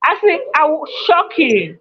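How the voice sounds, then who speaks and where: Nigerian-born woman sharing her story, laughs a lot, repeats herself, slightly high voice, muffled audio. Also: sing-song, moderate pace. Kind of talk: casual conversation. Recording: muffled lo-fi sound.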